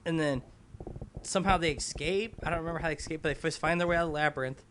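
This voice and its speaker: A man with a slightly high voice hosts a casual comic recap. He sounds tipsy and loose, stumbling over words and losing his thread as he rambles. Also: very fast, a bit bright, a little hiss or hum. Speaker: host retelling a film for a comic review.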